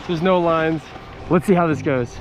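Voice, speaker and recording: A man's voice: on the high side, normal speed, highs cut off. An American man chatting casually to camera as a snowboarding vlogger, with slangy frat-bro talk that hypes up his buddy. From United States, Northern Virginia. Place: mostly outdoors on a rainy ski slope.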